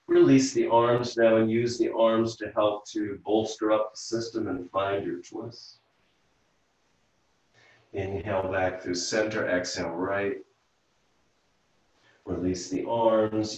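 A man leading a yoga class as instructor, calmly talking students step by step through breaths and stretches over a video call. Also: on the low side. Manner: slow, calm step-by-step cueing of breath and movement. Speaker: yoga instructor and physical therapist. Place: room at home, teaching over video call. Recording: very echoey room, voice from far off the mic.

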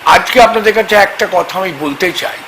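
A man, a tantric astrologer, talking slowly and haltingly about faith at a temple, with sudden loud emphatic bursts. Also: high-pitched, a little hiss or hum, poor audio. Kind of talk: spoken religious talk to camera. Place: temple grounds, outdoors.

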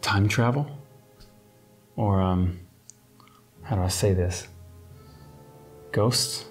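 A man's voice: sits low, very slow, faint music behind. An actor playing a skeptical man questioning a ghost in a film drama, speaking in an incredulous, questioning way.

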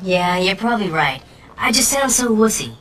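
Pixie-voiced, flustered teenage jock, swooping pitch. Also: female voice, very animated, normal speed, fairly bright tone, slight background noise. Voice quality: pixie-like, high girlish voice. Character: teenage football jock stuck with a girlish voice. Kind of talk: TV teen comedy acting.

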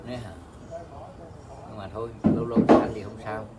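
A man's voice: lowish voice, little pitch movement, brisk. A man, chatting casually in a fussing, urging way. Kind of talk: casual chat. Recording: noisy background.

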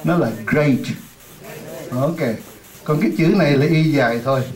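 A man teaching an English lesson in Vietnamese, repeating words slowly for a class to echo and adding chatty, joking asides. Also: on the high side, a little mellow. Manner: drills words slowly, many times over, for the class to repeat.

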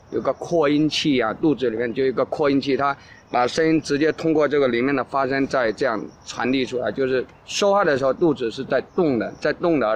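Man, casual podcast host, mid pitch, rambling delivery with restarts, faint ambience. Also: slight background noise. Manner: rambling, with many restarts and repeated words. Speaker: English teacher and podcast host. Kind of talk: casual monologue answering listener questions.

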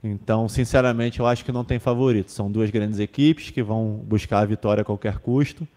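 A young football defender answers press questions casually into a table microphone on a stand, in a club press room with a sponsor backdrop, using many fillers and restarts. His voice is low, dark, steady, and fairly quick, with a big-room sound.

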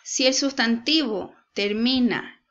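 A Chilean woman teaching an English lesson in an unhurried, patient way, often pausing to check that her class is following. Her voice sits a little high. The recording sounds dull and lo-fi, like a home recording. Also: a bit bright. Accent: Chilean Spanish. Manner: slow, patient, checks in with "¿cierto?".

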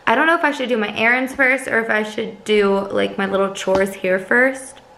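Sharp, creaky and on the high side, this woman's voice moves at a normal speed. She's a twenty-something student teacher vlogging to camera from home, bubbly and casual, dropping "like" often.

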